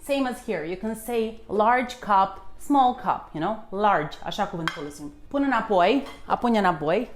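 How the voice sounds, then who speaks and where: A woman's voice: mid-range voice, few pauses, a little hiss or hum. A woman teaching English words in a playful, casual way in her home kitchen. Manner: lively, playful, switches between two languages. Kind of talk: casual bilingual lesson.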